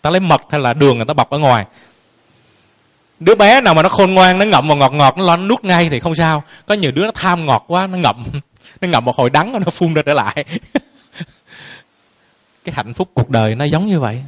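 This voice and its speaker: Chuckling monk asking the crowd questions. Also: male voice, a little high, lively intonation, brisk, pauses often, fairly bright tone. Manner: rhetorical questions, chuckling, playful. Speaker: Buddhist monk teacher. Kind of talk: dharma talk to lay audience.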